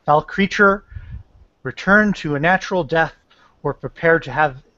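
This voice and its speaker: A man's voice: a little high, a little slow, bright, forceful tone, dry recording, muffled recording. A man voicing his stern half-orc holy warrior character in a tabletop game. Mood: defiant.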